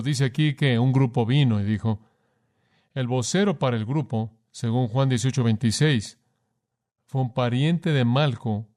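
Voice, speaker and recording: A man's voice: mid-range voice, darkish tone. Emphatic man preaching a sermon. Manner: emphatic, asks the listener rhetorical questions; addresses the listener formally as "usted".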